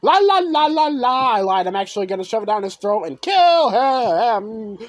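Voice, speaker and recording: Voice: mid-range voice, very animated, normal speed, no echo, natural voice. A speaker voicing an angry, vengeful sibling who makes threats in a half sing-song way. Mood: menacing.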